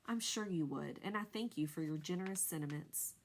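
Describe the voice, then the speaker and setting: Wise, gentle lady spider read by a woman, soft and measured, storybook. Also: on the low side, a little hiss or hum, natural voice. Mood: calm. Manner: quiet, measured and soothing. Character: wise, gentle female spider, calm and dying.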